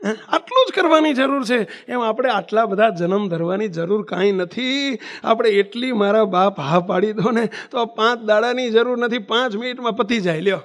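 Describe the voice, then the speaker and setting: Male preacher, unusually high pitch, storytelling sermon that is emphatic and pleading. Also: a bit bright. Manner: emphatic, full of rhetorical questions and pleading repetition. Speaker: religious preacher.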